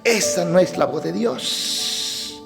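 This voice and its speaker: High-voiced man preaching in a reverberant hall. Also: slow pace, vocal fry, music in the background. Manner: emphatic preaching with rhetorical questions. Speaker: pastor. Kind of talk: sermon.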